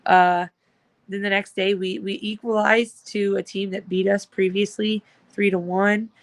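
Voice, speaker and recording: A woman's voice: medium pitch, little pitch movement, unhurried. A woman talking casually as a guest, upbeat and rambling with lots of fillers. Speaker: guest, supporters' group organizer. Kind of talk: casual chat.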